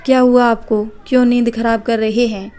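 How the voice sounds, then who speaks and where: A woman voicing a drowsy, reluctant young wife in a storybook, in an even tone. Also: a little high, moderate pace, close to an everyday voice. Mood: sleepy. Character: sleepy, lazy young wife.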